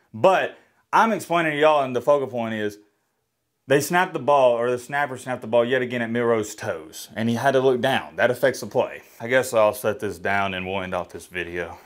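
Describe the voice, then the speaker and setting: A man, giving an exasperated, emphatic game breakdown as a sports fan host. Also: medium pitch. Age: 20s. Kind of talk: ranting game breakdown to camera. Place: home room, indoors.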